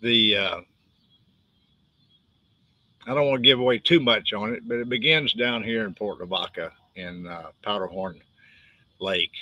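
With a voice on the low side, pushed and bright, this older West Texas author speaks a little slowly and pauses often. He rambles in a twangy, folksy way while casually discussing his books on a live stream, and there's no echo.

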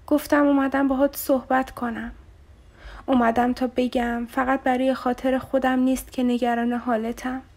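A woman's voice: high-pitched, darkish tone. A woman narrating a romantic novel as an audiobook, reading the dialogue with feeling. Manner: emotive, voices dialogue with rising intensity.

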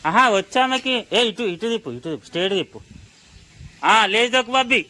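Brief: Telangana-accented man, family vlogger outdoors, bright voice, pushy repeated coaching, light hiss behind. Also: extremely high pitch, animated, quick pace. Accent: Telangana Telugu. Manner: urging, repetitive commands. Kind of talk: casual coaching while filming.

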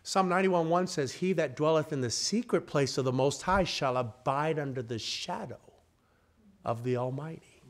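A man preaching in a church, his voice sitting a little high for a man. He rises to loud lines of King James scripture, then drops to a near hush. He keeps asking his listeners questions. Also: normal speed. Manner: asks the congregation questions. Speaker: guest preacher. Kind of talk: sermon. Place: church sanctuary.

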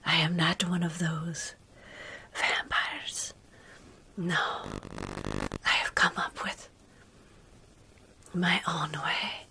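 In an ASMR roleplay, a woman in her thirties plays a caring vampire centuries old, whispering close to the mic. Her lowish, husky voice stays soothing and hushing, slow and deliberate.

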